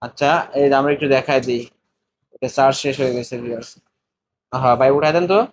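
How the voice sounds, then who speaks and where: A man's voice: medium pitch, steady tone, quick pace. A man with a Bangladeshi Bengali accent hosting a casual shop vlog, eagerly echoing each price back as a question. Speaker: vlogger and channel host. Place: mobile phone shop.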